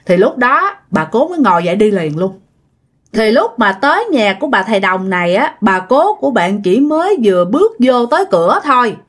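A woman tells a ghost story in a chatty, conversational way, often turning to her listeners. Her voice is high and moves widely in pitch. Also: big pitch swings, brisk. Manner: chatty, addresses listeners directly.

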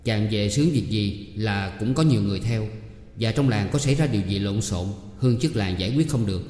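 Guy reading a story aloud, even pace, echoey room. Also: fairly low pitch, fairly quick. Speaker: narrator. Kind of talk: storytelling narration.

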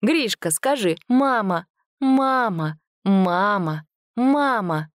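A woman's voice: expressive, very slow, no echo, clean studio sound. Woman doing a stubborn childlike village girl. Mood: coaxing. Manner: high, childlike, insistent pleading. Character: simple-minded young village woman, stubborn and possessive.

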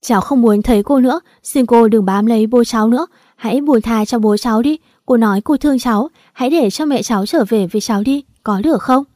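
A woman's voice: fairly high pitch, fairly quick, mellow, dry recording, studio quality, natural voice. A woman voicing a tearful stubborn little girl. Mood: pleading.

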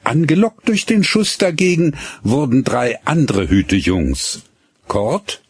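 A man narrating a radio story slowly and expressively, voicing the dialogue as he goes. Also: mid-range voice, sing-song, breathy edge, no echo.

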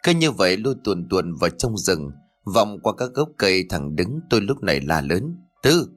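A man narrating a first-person horror story in a tense, measured storytelling manner. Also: low-pitched, sing-song, faint music behind.

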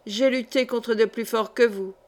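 Female reader voicing a dignified, reproachful noblewoman, higher voice, storybook. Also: fairly even intonation, moderate pace, close to an everyday voice. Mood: proud. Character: proud, commanding noble countess. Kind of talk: audiobook character reading.

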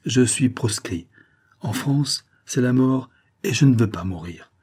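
A man's voice: medium pitch, lively intonation, unhurried, a little mellow, husky. A man voicing a proscribed young nobleman writing a solemn farewell letter in an audiobook. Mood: solemn, resolute. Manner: earnest, solemn letter reading.

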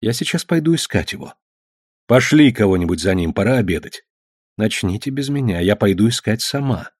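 A man with a husky voice playing a worried mother who turns cooing and soothing with her sick little boy, in a read-aloud novel. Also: on the low side, lively intonation, brisk, no room sound, clean studio sound. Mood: anxious. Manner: fretful, then cooing and soothing. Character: anxious tender mother of two sons.

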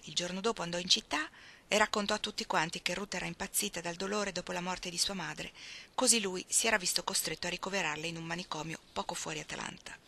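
A woman reading a novel aloud in a measured, expressive way. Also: on the low side, gravelly. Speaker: audiobook reader.

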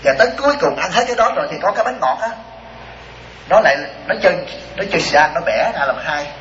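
A man giving a lively dharma talk as a monk, telling stories and asking rhetorical questions. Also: on the high side, quick pace, slight background noise. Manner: animated, acts out voices in stories, rhetorical questions. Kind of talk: sermon with storytelling. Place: retreat hall. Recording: dull roomy hall recording.

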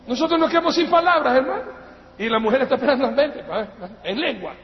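A male pastor with a Latin American Spanish accent, preaching emphatically, swinging from loud outbursts to quiet asides and calling his listeners brothers. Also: very high voice, expressive, quick pace. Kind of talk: sermon. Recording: echoey hall, dull lo-fi sound, faint noise.

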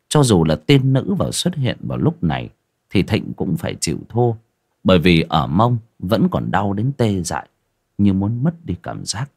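Breathy man narrating a ghost story. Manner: dramatic, expressive, drops to low hush at eerie moments. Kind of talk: scripted horror story narration.

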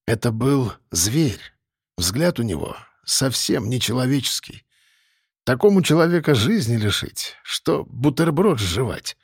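A man's voice: medium pitch, lively intonation, normal speed, darkish tone, no room sound, clean studio sound, close to an everyday voice. A man doing an old, shaky-voiced editor. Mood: grave. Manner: agitated, voice rising and shaking. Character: elderly male newspaper editor, nervous but proud.

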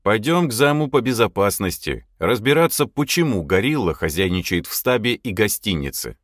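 A man voicing a stern, commanding older man who speaks slowly and with calm menace. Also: fairly low pitch, dry recording, studio quality. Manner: slow, measured, commanding.

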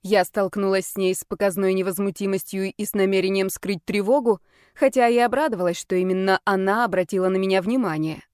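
A woman reading a first-person novel aloud at a steady, measured pace. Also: medium pitch, smooth, dry recording, studio quality. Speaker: audiobook narrator.

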